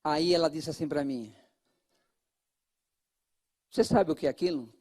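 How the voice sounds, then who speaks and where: An unhurried pastor with a Brazilian Portuguese accent and a voice on the high side gives a sermon. He speaks right to his congregation, veering between loud appeals and quiet asides.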